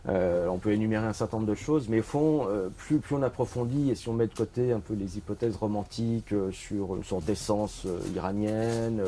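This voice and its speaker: Man, middle-aged, from Switzerland, lowish mellow voice, hesitant with fillers, author speaking in a bookshop. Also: normal speed, hardly any pauses, slight background noise. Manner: hesitant, many fillers and restarts. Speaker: author presenting his book. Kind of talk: bookshop talk.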